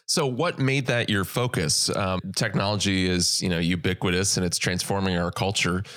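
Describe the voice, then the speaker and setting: A man's voice: deep voice, fairly even intonation, moderate pace, fairly bright tone. A man co-hosting a podcast in a conversational way, asking the guest questions. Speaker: podcast co-host. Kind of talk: casual interview talk.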